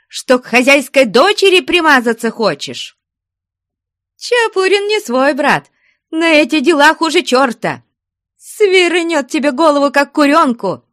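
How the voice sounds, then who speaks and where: Casting: a hysterical jealous peasant girl, shrill, high and loud, dry close sound. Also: dry recording, heavily acted. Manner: shrieking, sobbing, accusing.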